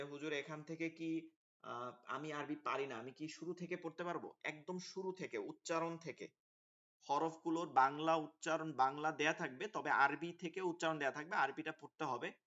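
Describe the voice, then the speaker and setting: A man's voice: a little high, fairly bright tone. A man teaching an online Quran course, explaining the class plan in a hesitant way with many fillers over a video call. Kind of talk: online class orientation talk. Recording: dull lo-fi call audio.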